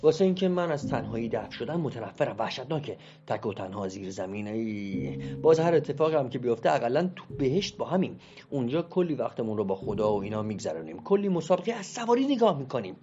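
A man's voice: very animated, dark tone, a little hiss or hum, close to an everyday voice. A man voicing a simple-minded, childlike adult brother who talks in a plaintive, naive way, in an audio drama reading. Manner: naive, plaintive, rises high in pitch. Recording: muffled with music behind.

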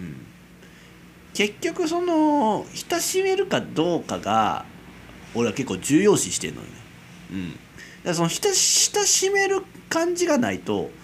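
A man's voice: mid-range voice, slight background noise. A young man in his twenties with a Kansai accent, hosting a casual solo late-night radio-style chat, rambling and self-mocking with frequent chuckles. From Kansai, Japan. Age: 20s. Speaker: amateur radio-style host.

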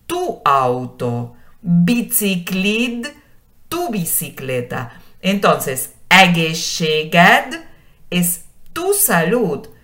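A woman giving a radio language lesson, patiently explaining and slowly drawing out each word she teaches. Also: on the low side, fairly bright tone. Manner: slow, drawn-out pronunciation of words; patient explaining with rhetorical questions.

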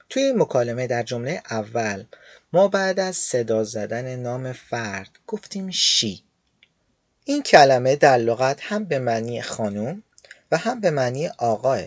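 A man teaching a language lesson, addressing his listeners directly in a friendly way and slowly repeating words to show how they are pronounced. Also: mid-range voice, no room sound.

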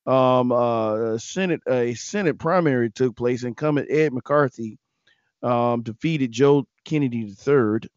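A man hosting a political news podcast talks in a chatty, conversational way, addressing his listeners directly as he reads out results. His voice sits at a middle pitch and the recording is dry and dull, like lo-fi podcast audio. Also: no echo. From South Carolina. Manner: chatty, addresses listeners as folks, many fillers. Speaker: podcast host.

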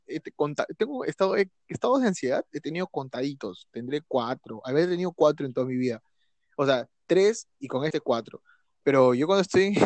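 A man's voice: a little high, a little mellow, dry recording. A young man in casual chat, laughing often, swearing freely and joking as he talks.

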